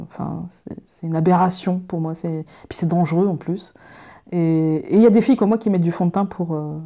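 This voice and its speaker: A woman from northern France with a light Picard accent talks casually to her viewers. Her voice is warm and mellow, her delivery loose and self-mocking, broken up by fillers, restarts and frequent laughs. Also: fairly low pitch. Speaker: YouTuber doing a tag video. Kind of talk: casual chat to camera.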